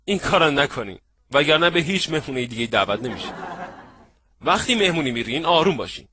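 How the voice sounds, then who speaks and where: A man giving an animated seminar lecture on networking, acting out little scenes and checking that his audience follows. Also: fairly high pitch, a little hiss or hum. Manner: lively, acts out little scenes, asks the audience if they follow. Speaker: networking trainer.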